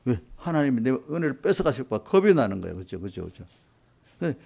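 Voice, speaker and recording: A man's voice: mid-range voice, very animated, a little fast, gravelly, darkish tone, breathy edge. A middle-aged male pastor giving a conversational sermon in a church, often checking in with the congregation with short tag questions. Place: church sanctuary.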